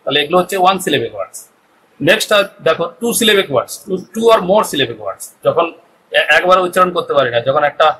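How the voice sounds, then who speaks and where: A man with a Bengali accent teaches an English grammar lesson, explaining each step and pausing to check that his students follow. His voice is bright and forceful and sits a little high. A faint hiss of background noise runs under the recording. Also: rough recording. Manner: explains step by step, often asks "ঠিক আছে?".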